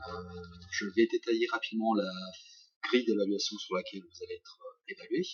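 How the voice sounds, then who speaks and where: A middle-aged man with a French accent gives recorded classroom instructions from home. He talks hesitantly, with frequent fillers and restarts, in a lowish, husky voice. The webcam audio sounds muffled and lo-fi. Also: fairly even intonation, a little fast. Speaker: teacher. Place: home, during lockdown. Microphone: webcam or laptop mic.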